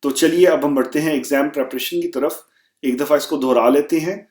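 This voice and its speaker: A man teaching vocabulary, saying each word slowly and repeating it so learners can echo him. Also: on the high side, a little mellow. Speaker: German teacher. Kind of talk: vocabulary lesson. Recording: echoey room.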